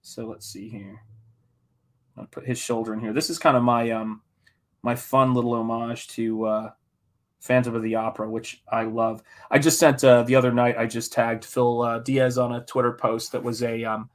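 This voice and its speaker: A middle-aged US artist rambles casually as he paints on a livestream. He speaks at normal speed in a level, medium-pitched tone. His jokes tend to be at his own expense.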